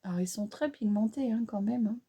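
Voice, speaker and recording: A slightly high, warm voice with a breathy edge comes from a French-accented woman, a beauty vlogger, moving fairly quickly through a makeup tutorial. She is casual and hesitant, using plenty of fillers and restarts.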